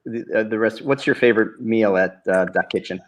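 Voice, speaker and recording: A man's voice: fairly low pitch, brisk, background noise. A man hosting a casual show chat, upbeat and asking guests questions. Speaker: host.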